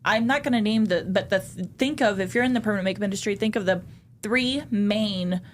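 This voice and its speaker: A woman's voice: medium pitch, a little fast, a little hiss or hum. A woman in her thirties who runs a permanent makeup studio, hosting a podcast in blunt, heated, profane casual chat.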